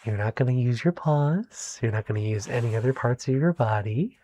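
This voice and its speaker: A gentle, kindly veterinarian character is voiced by a soft-spoken ASMR performer whose medium-pitched delivery has lively intonation. The tone is soothing and encouraging, paced with deliberate pauses over slight background noise.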